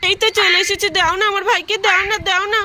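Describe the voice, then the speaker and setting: A woman voicing an eager little girl in a cartoon who talks in an excited, pleading way. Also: very high-pitched, quick pace, background noise, voice pushed up.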